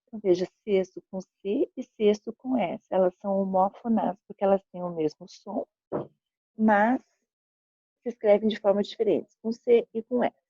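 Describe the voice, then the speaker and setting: Mellow and breathy, this Brazilian woman's mid-range voice moves at a moderate pace through a school grammar lesson. She repeats examples patiently and keeps checking in with the class, her Brazilian Portuguese accent clear. It's a dull lo-fi recording without room sound.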